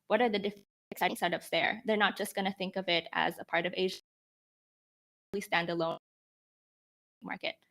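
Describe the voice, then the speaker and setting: This podcast guest, a roughly twenty-year-old Filipino woman who founded a startup, explains her approach through examples and rhetorical questions. She speaks fairly quickly in a fairly low, slightly bright voice with fairly even intonation, pausing often.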